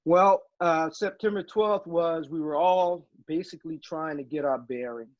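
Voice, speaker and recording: A retired army officer telling a story in casual interview talk, with many fillers and restarts. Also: male voice, fairly high pitch, measured pace, no room sound, muffled recording.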